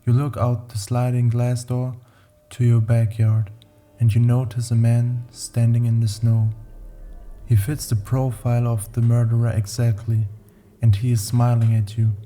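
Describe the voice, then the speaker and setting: A man narrating short horror stories in a slow, deliberate, ominous manner. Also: mid-range voice, level tone, mellow, faint music behind. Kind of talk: scripted horror story narration.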